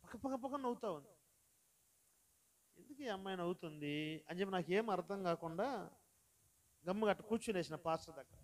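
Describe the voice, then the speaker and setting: A pastor with a high voice delivers a sermon to his congregation. He tells his story in a soft, conversational way and then climbs into loud, drawn-out preaching. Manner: quiet storytelling that builds to loud, slow preaching.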